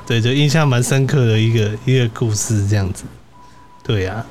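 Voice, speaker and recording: A man's voice: medium pitch, normal speed, a little mellow, a little hiss or hum. A young man hosting a podcast, telling college stories in a rambling, restarting way. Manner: rambling, many restarts and tag questions, laughs often. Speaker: podcast host. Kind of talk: casual storytelling chat.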